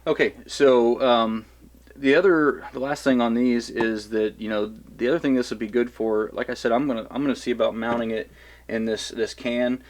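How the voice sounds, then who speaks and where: Speaking at normal speed with a steady tone and medium pitch, an American man from around Kansas City rambles through a casual gear review and field test. He's outdoors in a wooded, hilly area, his talk full of fillers and restarts.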